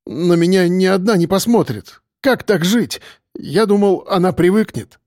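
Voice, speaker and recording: A man's voice: high-pitched, measured pace, a little mellow, no room sound, clean studio sound, pitched above the performer's own voice. A man voicing a pathetic, cowardly male kidnapper who mumbles and whines. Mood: whiny. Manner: mumbling, whiny.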